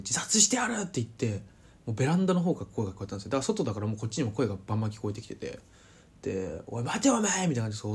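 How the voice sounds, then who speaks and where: A man casually telling a personal story to camera, chatty and full of fillers, animated as he retells events. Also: medium pitch, slightly rough. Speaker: vlogger.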